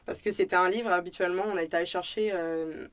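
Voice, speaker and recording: A young woman with a French accent tells her story in a relaxed interview, chatty and full of fillers, acting out snippets of dialogue. Her voice is lowish, her intonation fairly even, and she talks quickly. She appears as a restaurant owner and student guest.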